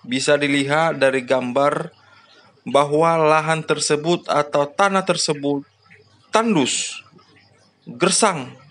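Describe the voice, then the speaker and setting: Male host, slightly high-pitched, giving a plain farming lesson with frequent fillers. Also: measured pace, fairly bright tone. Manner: addresses farmers as "Bapak Ibu", frequent "ya" and "namanya" fillers.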